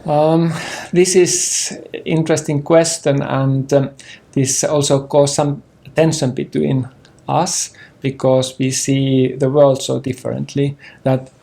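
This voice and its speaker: An older Finnish-accented man speaks slowly and haltingly, stopping for fillers and clearing his throat. His voice is dark and gravelly. He is a native Finnish speaker who chooses his English words carefully. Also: medium pitch, flat delivery. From Finland. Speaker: interview guest, partner in conversation. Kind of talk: personal conversation on a sofa. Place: indoor living room with bookshelves.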